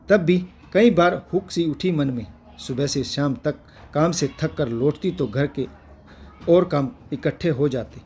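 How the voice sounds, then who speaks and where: A man narrating a family story as channel host, in a steady, earnest way. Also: on the high side, a little hiss or hum.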